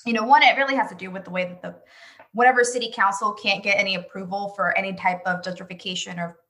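A woman's voice: mid-range voice, steady tone, fast, fairly bright tone. A woman working as an immigrant rights organizer talks casually and earnestly, often restarting phrases and repeating her key points for emphasis. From Latin American immigrant community. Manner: earnest, restarts and self-corrections, emphatic repetition. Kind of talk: casual conversational discussion.

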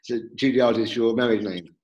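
A man's voice: medium pitch, moderate pace, darkish tone, reverberant, highs cut off. Friendly man hosting a podcast. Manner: friendly, hesitant with fillers and restarts. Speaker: podcast host, interviewer. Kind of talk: podcast interview.

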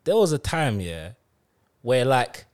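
A man with a South London accent in casual, slangy podcast banter, telling stories in an animated way. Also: mid-range voice, slow pace, clean tone. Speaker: podcast co-host.

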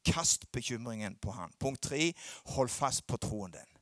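A middle-aged man preaching a sermon, swinging between loud emphatic peaks and low quiet asides. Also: animated, dry recording, studio quality. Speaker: pastor.

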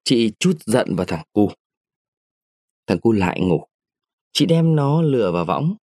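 A man narrating a short story aloud, expressive and shifting his pace with the events. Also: fairly low pitch, unhurried, no room sound, clean studio sound.

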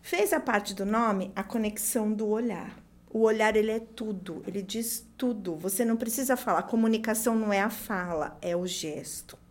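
A woman's voice: medium pitch, moderate pace. A woman with a Brazilian accent explaining as a guest trainer, emphatic and didactic, repeating key points. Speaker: guest hair-salon service trainer. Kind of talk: conversational explaining.

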